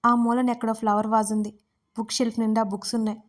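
A woman's voice: on the high side, fast. Woman narrating a romance story. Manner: steady reading of a romance. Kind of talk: scripted narration.

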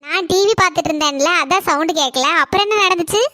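In cartoon comedy dialogue, a woman voices a gossipy, stingy middle-aged housewife with a Kanyakumari Tamil accent, speaking in a very high, fast, pushed and bright voice. Her manner is tart and chatty as she gossips.

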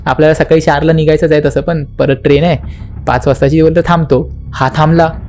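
As a podcast guest, a young man with a fairly high, slightly mellow voice casually tells a spooky story at a fairly quick pace with little pitch movement. His retelling is dramatic, acting out quotes and knocking sounds, and he mixes in English words.

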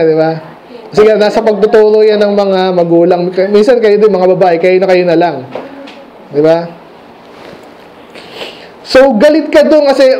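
High-voiced man preaching a conversational sermon. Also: warm tone, a little hiss or hum, low-quality recording. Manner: conversational, asks the congregation questions; mixes English phrases into his speech. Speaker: pastor. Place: church sanctuary.

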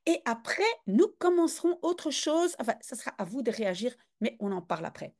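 A woman's voice: fairly high pitch, big pitch swings, fairly quick, vocal fry, a little mellow. A woman giving a casual reading lesson, translating a comic aloud in a chatty, explaining way with frequent hesitations. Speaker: reader and language teacher.

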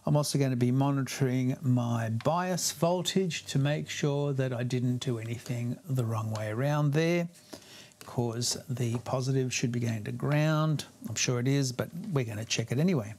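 A man's voice: mid-range voice, moderate pace, darkish tone, a little hiss or hum. Chatty man explaining an amp repair. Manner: chatty, explains step by step while working. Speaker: guitar amp repair technician. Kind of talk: hands-on repair tutorial.

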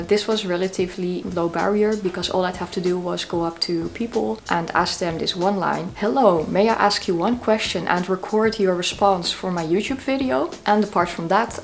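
A woman in her thirties sharing tips to camera from a small cozy room, with a dry, self-mocking humor. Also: on the low side. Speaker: YouTube creator. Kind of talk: talking-head tips video.

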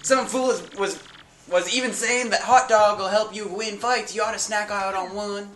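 A man reading out the lines of an excitable young male bystander in a game, hyped and chatty. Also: high-pitched, normal speed, roomy sound, slight background noise, pitched above the performer's own voice. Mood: excited.

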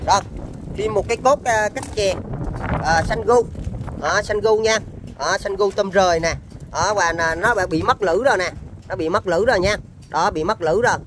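A high-voiced man with a Southern Vietnamese accent gives a casual sales pitch for used machines. His patter is chatty and repetitive, and there is clear ambient noise in the recording. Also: fairly quick, a bit bright. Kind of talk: informal live sales demonstration.

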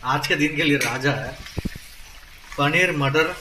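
A man's voice: fairly high pitch, slow pace, background noise. A man with an Assamese accent presenting a casual cooking vlog at home, talking eagerly about the smells and flavours as he cooks. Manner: enthusiastic, exclaims over the smells and flavours. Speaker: cooking vlogger. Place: home kitchen. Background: food sizzling and frying.

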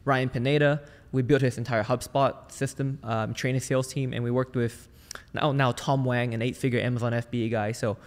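A medium-pitched Malaysian man speaks fairly quickly with fairly even intonation as he casually tells his personal story in a podcast interview. He is a sales trainer and entrepreneur, and the audio has a big-room sound.

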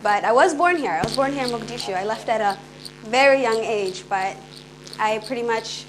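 A young woman with a slightly high voice speaks earnestly and fast at a small indoor event. Her talk is fluent with occasional brief restarts, picked up from a few steps away. Faint room noise sits behind her. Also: animated. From Canada. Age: young adult. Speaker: conference speaker. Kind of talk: prepared public talk.

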